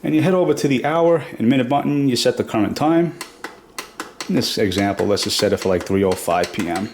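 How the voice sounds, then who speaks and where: Fighting a cold that leaves him nasal and congested, a man explains a product step by step in a relaxed home demo, filling gaps with fillers. His medium-pitched voice is expressive, slightly mellow and a little fast. The home room is reverberant, with slight background noise.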